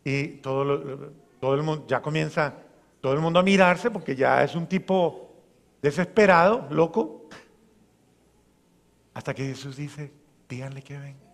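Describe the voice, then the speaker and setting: Dramatic priest with a high voice. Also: male voice, a little slow, creaky, pauses often. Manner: dramatic, acts out voices, swings from soft to loud. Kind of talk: sermon. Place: large church. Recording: long church reverb.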